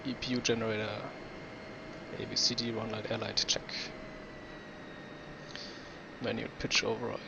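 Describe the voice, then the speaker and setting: A man's voice: lowish voice, flat delivery, moderate pace, long pauses. A man giving terse, procedural checklist callouts and short radio replies as a flight sim pilot. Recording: muffled mic with clear background noise.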